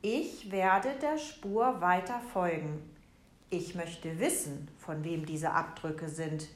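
A woman voicing a small, timid but brave female mouse in a storybook reading, talking softly and wishfully. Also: deep voice, flat delivery, takes it slowly, roomy sound. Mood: determined.

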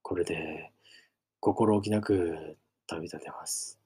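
A man puts on a frail, polite sage who speaks in a faint, breathy whisper. The voice drops low and soft, with halting pauses. It is a storybook figure read aloud. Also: steady tone, full character voice.

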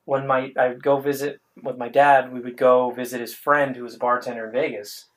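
A man's voice: medium pitch, little pitch movement, a little fast. Rambling male podcast co-host. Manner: rambling, self-interrupting, joking. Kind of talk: casual chat.

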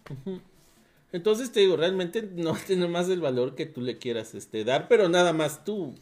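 A man co-hosting a casual gaming podcast, speaking calmly with brief agreeing remarks. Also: on the high side, normal speed. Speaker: podcast co-host. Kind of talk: casual chat.

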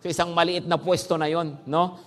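A male pastor preaching a sermon in a lively, conversational way, often tossing "no?" to the congregation. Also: fairly high pitch, a little fast. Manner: animated preaching, frequent "no?" tag questions, mixing English phrases.

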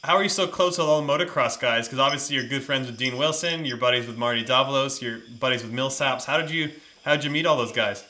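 A man's voice: medium pitch, fast, few pauses, bright, forceful tone. A man hosting a casual interview, asking curious, friendly questions. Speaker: interviewer, host.

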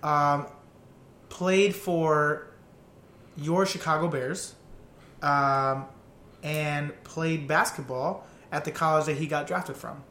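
A man hosting a casual podcast, reading trivia clues haltingly with lots of fillers and casual swearing. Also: a little high, steady tone, bright, forceful tone, echoey room, slight background noise. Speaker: podcast host running a sports trivia quiz. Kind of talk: casual chat.

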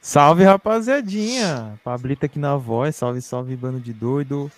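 A man's voice: medium pitch, level tone, normal speed, mellow. A Brazilian man co-hosting a live podcast with informal banter, slangy and swearing freely. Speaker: podcast live stream co-host.

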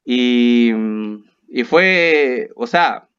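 A man's voice: mid-range voice, extremely slow, clear, resonant tone. A young man with a Chilean accent, a podcast co-host animatedly telling a personal story and acting out the quotes. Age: young adult. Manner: animated, laughs often, acts out quotes. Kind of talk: casual storytelling. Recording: slightly dull lo-fi audio.

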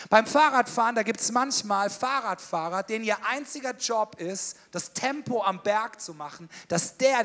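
High-voiced man preaching a lively sermon. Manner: colloquial, direct address to the congregation. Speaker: pastor.

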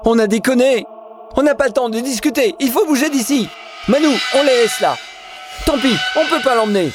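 A man's voice: extremely high pitch, expressive, brisk, music in the background, pitched above the performer's own voice. Man putting on a frantic, furious woman. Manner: shouting in frantic bursts. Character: tall woman, furious and panicked.

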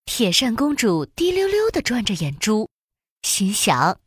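A woman narrating a children's storybook in an expressive, sing-song storytelling way. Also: a little high, measured pace, slightly rough, no room sound, studio quality.

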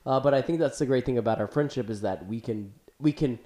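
A man's voice: mid-range voice, fast talker, dark tone, roomy sound. A man from Chicago hosting a podcast in casual chat, earnest and lecturing, often talking over the others. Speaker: podcast host.

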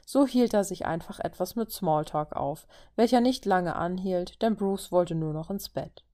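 A woman's voice: lowish voice, measured pace, dark tone. A woman reading a story aloud as narrator, lifting her voice for each figure's lines. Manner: reads all figures in turn, lifting her voice for dialogue. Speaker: reader.

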